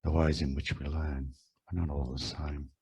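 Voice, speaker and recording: Man, Australian accent, very deep husky voice, slow poetic ceremonial welcome. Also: level tone, darkish tone, low-quality recording. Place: large room with an audience.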